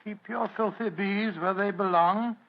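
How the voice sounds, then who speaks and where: High-voiced, genial elderly English doctor. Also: male voice, fairly even intonation, measured pace. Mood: indignant. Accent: British. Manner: genial, slightly bumbling, stammering. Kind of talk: 1940s radio acting. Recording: dull old radio recording.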